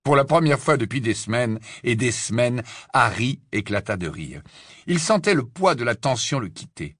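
Male narrator, measured audiobook read, husky, dry close mic. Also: mid-range voice, sing-song, a bit bright, no echo. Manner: measured storytelling.

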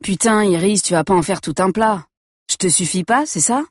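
A woman's voice: mid-range voice, normal speed, no echo, clean studio sound, pitched above the performer's own voice, lightly acted. A woman voicing an angry, controlling young man who talks coldly and accusingly, in a first-person story reading. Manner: cold and accusing, shifting to coaxing.

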